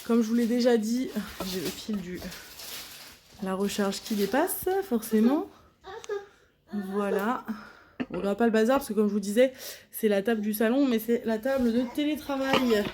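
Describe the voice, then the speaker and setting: Chatty young woman hosting a casual hobby unboxing at home, fairly high voice, a little background hiss. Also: normal speed, long pauses. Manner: chatty, lively, thinks aloud while counting and showing. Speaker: diamond painting vlogger. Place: home living room table.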